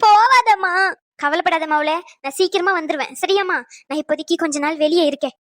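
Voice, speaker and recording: A woman voicing a gentle mother comforting her daughter in a cartoon, tender and soothing. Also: sits high, steady tone, quick pace, dry recording, clean studio sound, lightly acted. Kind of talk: cartoon voice acting.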